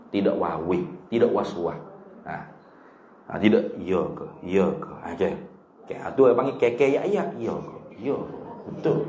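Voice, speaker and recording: Here a Kelantanese Malay-accented man lectures a religious kitab study class, mixing in jokes and having terms repeated as a drill. The recording sounds roomy, and his voice is a little high.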